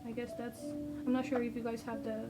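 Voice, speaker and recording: Drawing on camera, she rambles casually in her second language, English, hesitant with many ums and self-deprecating comments. Her pitch is fairly high and her tone level; a distant mic picks her up over background music.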